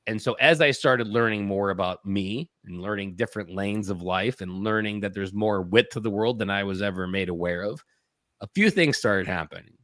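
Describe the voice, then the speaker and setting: With a voice on the low side and a bit bright, this man in his thirties speaks at normal speed as a podcast guest. He earnestly reflects on personal stories, quoting his own inner voice, and the studio recording is clean with no echo.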